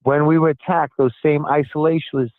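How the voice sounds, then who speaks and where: A man's voice: a little high, little pitch movement, fairly quick, no echo. An older man, a city commissioner, calling in by cell phone and answering interview questions in an earnest, emphatic way that repeats his points. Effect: heard over a cell phone line. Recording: tinny dry phone line.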